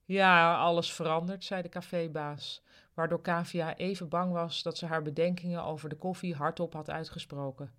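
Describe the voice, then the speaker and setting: A narrator reading a serialized office story in an even, dry manner. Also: medium pitch, moderate pace. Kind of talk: scripted narration.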